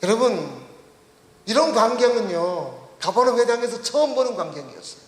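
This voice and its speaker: A man's voice: extremely high pitch, sing-song, moderate pace. A male pastor preaching a sermon, putting questions to the congregation and leading them through reading the text aloud. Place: church sanctuary. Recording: echoey church hall reverb.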